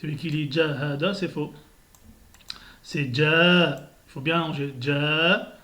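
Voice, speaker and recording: A man teaching a beginner Arabic lesson, reading syllables slowly and deliberately and clearing his sore throat often. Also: on the high side, fairly even intonation, bright, forceful tone.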